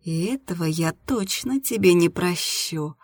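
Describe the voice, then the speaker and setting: A sultry, self-assured woman, breathless and teasing, her voice lifting higher and brighter than the narrator's own, as a female reader puts her on. The tone is slightly husky and the recording is dry and close. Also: expressive, measured pace, no room sound. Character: sensual, playful, confident adult woman.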